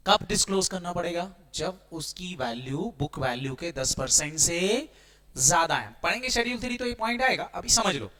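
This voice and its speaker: High bright energetic male teacher. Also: moderate pace. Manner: energetic, keeps quizzing students with rhetorical checks; mixes Hindi with English terms. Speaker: accounting teacher. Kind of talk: classroom lecture.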